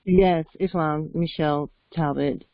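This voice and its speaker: A woman joining over an online call whose audio is distorted and fades in and out, as if underwater, giving halting, brief replies. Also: sits low, steady tone, no room sound. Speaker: call participant. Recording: muffled, distorted online call with loud music behind.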